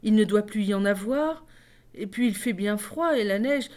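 A woman voicing a gentle young girl who speaks timidly and hesitantly. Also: medium pitch, lively intonation, moderate pace, lightly acted.

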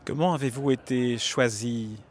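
A man's voice: mid-range voice, a little slow, a little hiss or hum. A male reporter interviewing people outdoors at a city station, asking questions with frequent small restarts. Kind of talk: field interview.

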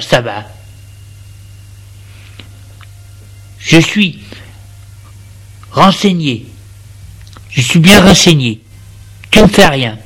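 A man's voice: high-pitched, a bit bright, full character voice. A man voicing a furious, domineering middle-aged father who scolds harshly and with contempt. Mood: scolding.

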